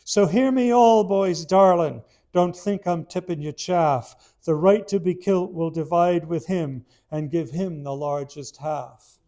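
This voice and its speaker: Man playing a boisterous Irish soldier, thick put-on brogue, rollicking recited verse, higher raised voice, warm tone. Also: measured pace, hardly any pauses, close to an everyday voice. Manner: rollicking ballad recitation, loud and emphatic.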